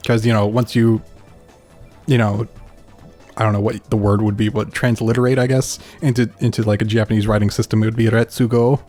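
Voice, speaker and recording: A man's voice: lowish voice, little pitch movement, a little fast, a little mellow, soft background music. Rambling, chuckling male let's play host. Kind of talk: casual chat over gameplay.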